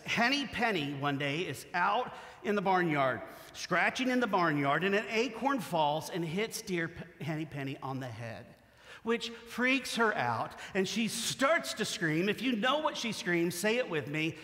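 Male pastor, middle-aged, higher voice, casual sermon delivery in a hall with long reverb. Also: sing-song, normal speed, bright, forceful tone. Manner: conversational, self-correcting, asks congregation to respond. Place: church sanctuary.

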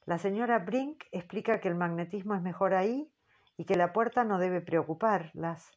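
A woman reads a first-person audiobook in a measured, earnest way. Her voice sits on the low side. The sound is a little dull and muffled. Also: a little mellow. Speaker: audiobook narrator. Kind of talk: scripted first-person narration.

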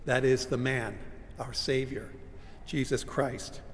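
Older pastor preaching in a reverberant church. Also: male voice, mid-range voice, steady tone, slow. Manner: dramatic, swinging between loud cries and hushed whispers. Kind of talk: sermon. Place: large church sanctuary, standing at a pulpit. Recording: long church reverb, faint room hum.

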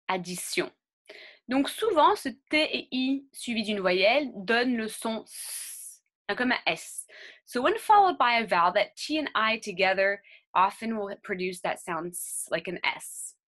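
A woman with a fairly high voice teaches a pronunciation lesson at an unhurried pace. She says each model word carefully and then explains it in both French and English. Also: a bit bright. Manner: slow, carefully articulated model words.

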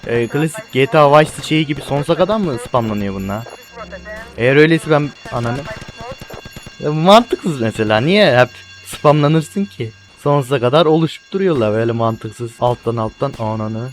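A let's play gamer gives casual, excitable commentary on his gameplay, swearing and chatting to viewers as if they were friends. His voice is medium-pitched at normal speed, with soft background music.

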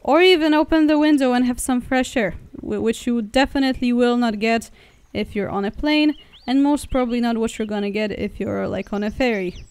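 A woman's voice: a little high, fairly quick, hardly any pauses, a little mellow, smooth, no echo. A young woman from Poland chatting casually as a travel vlogger while riding in a car through the woods, rambling and correcting herself as she goes. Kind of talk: casual vlog narration.

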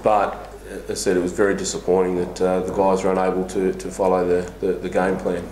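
A basketball head coach gives a blunt, frank post-match press conference, restarting often and leaning on fillers. His male voice is deep, monotone, fairly quick and a little mellow. Recorded on a stand-mounted table mic in a small press room with a sponsor backdrop, the audio is echoey with a faint hiss.

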